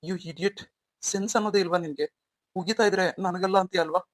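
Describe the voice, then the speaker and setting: A woman voicing a young husband who is protective toward his wife and quick to anger at a rival, in a melodramatic audio story. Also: fairly low pitch, dry recording, lightly acted. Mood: angry.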